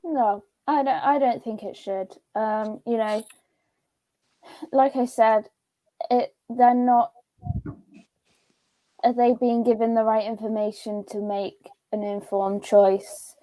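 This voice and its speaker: Slow-speaking woman panelist. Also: fairly high pitch, level tone, dark tone, dry recording, poor audio. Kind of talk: casual panel discussion.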